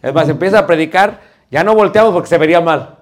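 A man teaches a homiletics class to a church group. He talks in a lively, joking way and keeps calling his listeners brothers and sisters. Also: fairly high pitch, quick pace. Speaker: preaching instructor.

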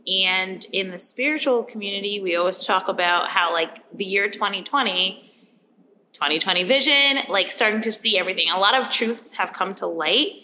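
A woman's voice: mid-range voice, moderate pace, bright, forceful tone, slight background noise, low-quality recording. A woman who manages marketing and events for a restaurant, chatting casually on a podcast with many fillers. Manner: chatty, heavy use of "like".

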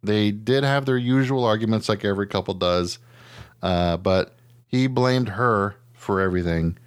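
This is a low, clear, resonant male voice with no room sound. The speaker, a middle-aged American podcast co-host, chats casually and tells blunt, profane, animated stories full of mimicked quotes.

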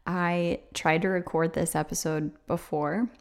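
A woman with vocal fry from a sore throat, slightly losing her voice, speaking candidly and hesitantly as a solo podcast host. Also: fairly low pitch, fairly even intonation, a little slow. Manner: hesitant, confessional, conversational.

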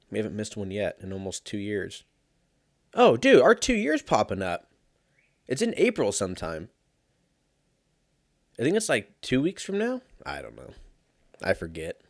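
In his thirties and low on energy from being sick overnight, the host of this casual solo podcast wanders from topic to topic, cursing and laughing a lot. He has a fairly low pitch, and the studio-quality recording has no room sound.

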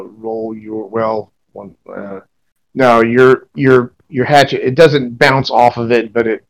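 A man runs a tabletop role-playing game as game master. His mid-pitched voice describes scenes haltingly, assembling them piece by piece as he talks. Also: low-quality recording.

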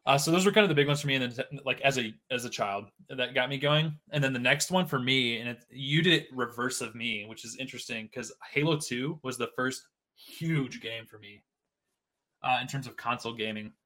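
A man's voice: mid-range voice, fairly quick, sharp tone. A man in his late twenties in casual podcast chat, rambling and chatty with lots of fillers. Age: 20s.

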